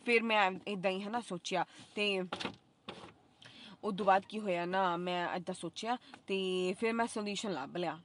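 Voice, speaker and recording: A young woman vlogger telling her own story casually, swinging between loud outbursts and quiet asides, with English phrases mixed in. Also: medium pitch, normal speed, a little hiss or hum.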